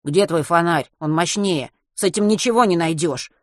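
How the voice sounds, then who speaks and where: A woman voicing a stubborn teenage boy who talks brusquely and grumbles loudly in an audiobook. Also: lowish voice, normal speed, no room sound, studio quality, lightly acted. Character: determined teenage boy, gruff and stubborn rescuer.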